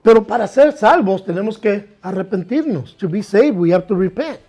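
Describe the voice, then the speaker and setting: A man preaching a bilingual sermon. He says each line in Spanish, then repeats it in English, and slows down to read scripture aloud. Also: sits high, lively intonation, dark tone. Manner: reads scripture aloud, slowing for emphasis. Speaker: pastor.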